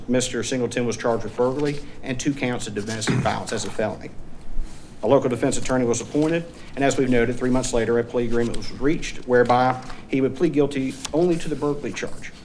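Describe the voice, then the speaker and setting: A man arguing as a lawyer in court, speaking in a formal, measured and deferential way. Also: mid-range voice, darkish tone. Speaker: defense appellate lawyer. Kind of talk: formal oral argument. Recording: clearly noisy courtroom recording.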